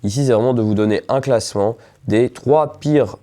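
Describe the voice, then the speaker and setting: A man's voice: mid-range voice, moderate pace, dark tone. A man, a lawyer, explaining legal procedures in a casual video talk, with many fillers and asides. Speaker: immigration lawyer.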